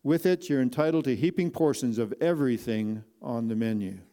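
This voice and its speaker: A man's voice: medium pitch, brisk, mellow, natural voice. A man voicing a polite, smiling restaurant host in a spoken story, courteous and formal.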